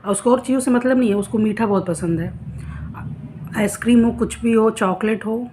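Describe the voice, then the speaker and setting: A woman's voice: fairly high pitch, brisk, warm tone. A woman vlogging casually at home, telling stories in a chatty way and playing out her husband's lines as she goes. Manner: chatty storytelling, acts out husband's quoted lines. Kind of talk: casual vlog chat. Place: home room facing a noisy street. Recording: faint street noise behind.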